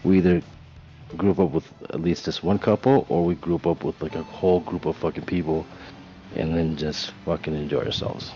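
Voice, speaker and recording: A man's voice: very deep voice, expressive, normal speed, gravelly, dark tone, highs cut off, slight background noise. A man chatting casually in a laid-back way, swearing freely. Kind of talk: casual chat.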